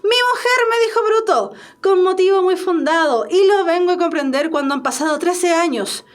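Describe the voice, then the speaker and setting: A flustered old father who blusters and exclaims at every surprise, read out by a Chilean woman teacher. The voice sits high and indignant, as in a classroom play reading. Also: very animated, normal speed. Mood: blustering.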